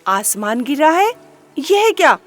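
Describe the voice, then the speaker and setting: A woman voicing a stern, commanding lion king in a children's storybook, booming out demands. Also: very animated, slow pace, faint music behind, heavily acted. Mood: startled.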